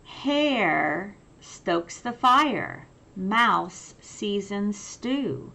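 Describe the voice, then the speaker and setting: A woman reads a children's story aloud in a mid-pitched voice with plenty of creak. Her delivery is extremely slow, expressive and emphatic. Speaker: picture-book reader.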